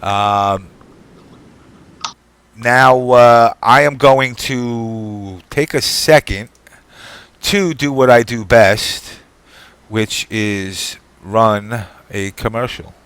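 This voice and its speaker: A man's voice: medium pitch, extremely slow, long pauses, fairly bright tone, clear, resonant tone. A man hosting a live online talk show in an informal, rambling way. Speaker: show host.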